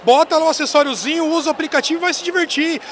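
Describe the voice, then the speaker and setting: A man in his thirties, an excited and playful interviewer, hyping his guest with a handheld mic in a busy indoor expo hall. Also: very high voice, rapid-fire, slight background noise. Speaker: interviewer at a trade fair. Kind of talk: casual on-location interview. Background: crowd chatter of the fair.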